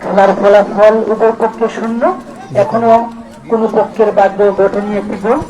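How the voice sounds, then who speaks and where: A man's voice: high-pitched, little pitch movement, moderate pace, poor audio. A man giving live football commentary, repeating phrases as he follows play and speaking in formal, courteous terms. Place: outdoors at a football ground. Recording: outdoor PA with crowd noise.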